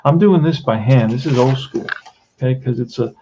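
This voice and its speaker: A man in his sixties with a Queens accent talks casually through a tabletop baseball tutorial, blunt and plain-spoken, with the odd "man" aimed at the listener. His mid-range voice moves at a moderate pace. The background is noisy and the highs are cut off.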